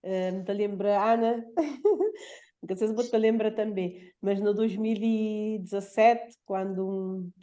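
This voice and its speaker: A woman hosting a live conversation, speaking slowly and thoughtfully, with hesitations. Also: medium pitch, mellow. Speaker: host of a live talk.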